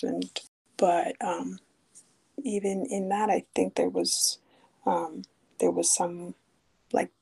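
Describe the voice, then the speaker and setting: A young woman from Ethiopia in a casual interview, talking softly and hesitantly, often drifting into a whisper. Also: on the low side, creaky, husky, poor audio. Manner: halting, hesitant with fillers. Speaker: guest.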